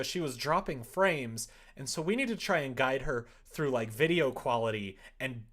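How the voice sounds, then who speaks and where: On a casual livestream, a male streamer rambles through an anecdote, acting out the exchanges with an exasperated storytelling manner. His voice is mid-range and a bit bright.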